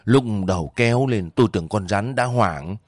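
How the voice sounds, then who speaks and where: A devoted young soldier, coaxing and homely, in a dry, close storybook reading, as a male narrator puts him on. The voice sits a little higher and fuller than plain narration. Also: lively intonation, moderate pace, no room sound. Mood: brushing off.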